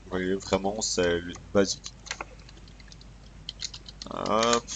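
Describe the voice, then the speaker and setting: A man casually commenting while showing off a game mod, joking and swearing as he plays, recorded on a cheap microphone. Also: deep voice. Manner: casual and profane, joking, mutters to himself while playing. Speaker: gamer showcasing a mod. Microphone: cheap desk microphone. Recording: cheap mic with faint background noise. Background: keyboard clicks and typing.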